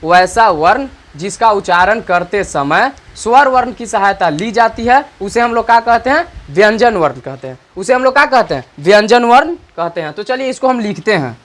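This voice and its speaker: A man's voice: sits high, lively intonation, a bit bright. A man teaching an online grammar class, repeating each point and asking questions that he answers himself. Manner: repetitive, asks questions and answers them himself; slow dictation while writing.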